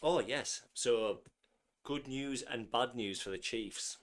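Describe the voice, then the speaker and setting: A man's voice: mid-range voice, takes it slowly. A man co-hosting a football podcast in casual chat, chatty and laughing, a bit ill. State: ill, coughing. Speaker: podcast co-host.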